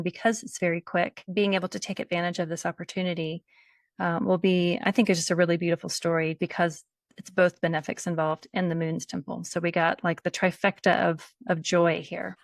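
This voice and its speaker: Relaxed woman host explaining astrology. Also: fairly low pitch, vocal fry, dry recording, clean studio sound. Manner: relaxed, explanatory, thinks aloud with fillers. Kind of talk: casual conversation.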